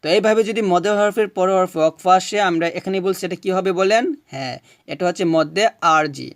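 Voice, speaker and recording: A man teaching Quran recitation, chanting verses slowly and explaining each rule patiently, asking questions and answering them himself. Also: sits high, no echo, studio quality. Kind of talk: recitation lesson.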